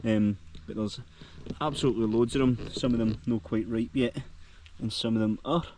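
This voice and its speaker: A man's voice: mid-range voice, steady tone, moderate pace, a little mellow, a little hiss or hum. A man with a Scottish accent, chatting casually and enthusiastically as a travel vlogger while walking around a lodge and lochside. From Scotland. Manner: chatty and enthusiastic, heavy on local slang.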